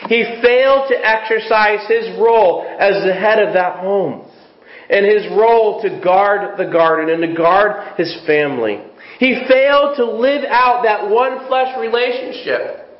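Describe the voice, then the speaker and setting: A man's voice: high voice, expressive, measured pace. A man preaching a sermon as pastor, reading scripture aloud and asking rhetorical questions. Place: church sanctuary. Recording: echoey, dull church recording with faint hiss.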